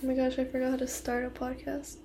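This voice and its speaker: A woman's voice: high-pitched, completely flat delivery, fairly quick, mellow, slight background noise. A woman in her twenties hosting a casual podcast chat, giggly and rambling. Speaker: podcast host.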